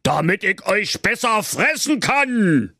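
A bossy wolf posing as a lifeguard, as a male storyteller puts him on, pitched up and lively, barking orders. Dry and close, a comic storybook villain. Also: takes it slowly, gravelly, no room sound, full character voice. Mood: menacing.

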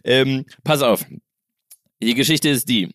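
A man around thirty co-hosting a podcast, telling an anecdote in a casual, animated way and laughing often. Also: medium pitch, slow, no echo, clean studio sound. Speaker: podcast co-host. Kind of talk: casual storytelling chat.

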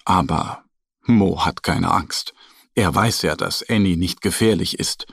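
A man narrating a children's story in a slow, gentle, expressive way. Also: deep voice, creaky, breathy edge, dry recording, studio quality.

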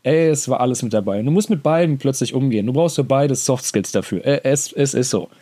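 A young man co-hosts a podcast in a mid-range, mellow voice, talking a little fast. His casual talk rambles, with many restarts, fillers, and slangy asides.

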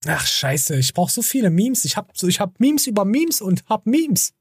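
Male podcast host, crude and sarcastic, husky voice, dry close sound. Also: high voice, big pitch swings, normal speed, no room sound. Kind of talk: casual podcast chat.

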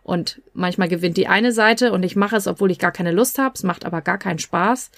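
A woman's voice: medium pitch, brisk, fairly bright tone, dry recording. A woman coach and podcast host giving advice in a conversational, explanatory way, with fillers here and there.

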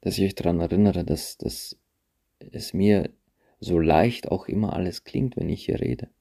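Man, podcast host, low gravelly voice, husky, reflective monologue with restarts. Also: warm tone. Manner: reflective, halting, repeats phrases. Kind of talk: personal monologue to listeners. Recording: handheld phone, voice drifts off-mic at times.

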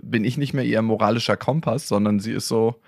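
A man's voice: on the low side, a little fast, vocal fry, darkish tone, no room sound, studio quality. A man talking as a father in a casual podcast chat, reflective and questioning.

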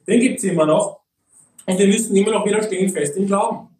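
A man preaching a sermon in a conversational way, often checking in with "okay?", and reading scripture slowly. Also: high-pitched, darkish tone, roomy sound, recorded from a distance, poor audio. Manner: reads Bible verses slowly and deliberately.

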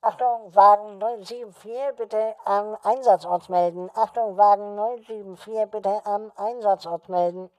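A woman voicing a calm police radio dispatcher in a bedtime story, heard over a walkie-talkie, giving clipped official calls. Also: mid-range voice, measured pace, few pauses, no echo. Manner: clipped official announcements, repeated twice.

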